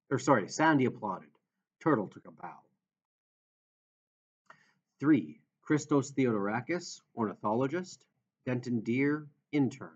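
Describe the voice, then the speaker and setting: A man reading an audiobook in a steady, measured narration. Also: fairly low pitch, slightly rough. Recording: dull lo-fi audio.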